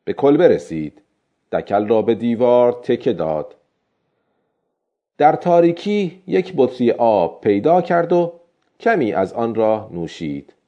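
A man reading a story aloud as an audiobook narrator in a measured, expressive way. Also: mid-range voice, dull audio.

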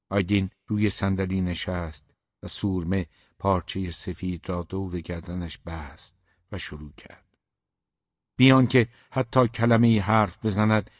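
A man narrating a novel aloud in a steady, measured reading, in a dull, dry recording. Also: low-pitched, no room sound. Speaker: audiobook narrator.

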